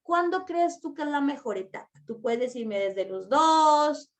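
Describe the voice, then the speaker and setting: Woman, high voice, patient emphatic teacher speaking straight to parents. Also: lively intonation. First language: Spanish. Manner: explains slowly, stresses words, addresses mothers directly. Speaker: early-childhood language teacher. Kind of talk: online masterclass lecture.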